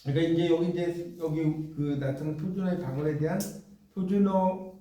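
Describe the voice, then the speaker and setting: A middle-aged man lectures a class in a slightly high, mellow voice. He dictates notes, repeats key phrases and keeps asking whether his students understand. He is recorded from some distance in an echoey classroom. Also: steady tone, fairly quick. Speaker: teacher. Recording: echoey room, voice from off-mic.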